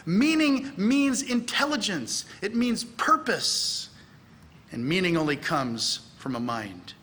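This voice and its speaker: A man in middle age lectures a church audience from the pulpit. His voice sits high and bright, with a very lively, swinging pitch. He slips into acted-out dialogue, raising his voice for the quoted lines. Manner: animated, acts out dialogue with raised voice. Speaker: speaker at a church conference. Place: large church hall.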